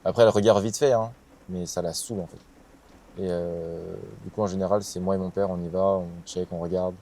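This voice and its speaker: A young man chatting casually in a travel vlog, relaxed and slangy as he tells what happened. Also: low voice, normal speed, background noise. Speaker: travel vlogger.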